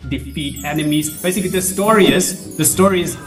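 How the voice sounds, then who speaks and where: A playful man from Germany chats on a video call and keeps stumbling into restarts. His fairly high voice sounds set back from the mic. Music plays clearly behind him. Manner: playful, laughing, with halting restarts. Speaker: video game company founder. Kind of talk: casual video-chat conversation. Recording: distant video-chat audio with music.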